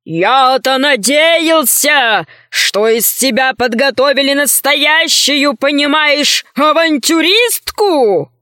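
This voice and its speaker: A woman putting on a masked tyrant general with a slow, drawn-out, booming delivery. He speaks in a bright, forceful tone, condescending and mocking, with a dry, close storybook sound. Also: animated, no room sound, heavily acted. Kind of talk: audiobook character voice.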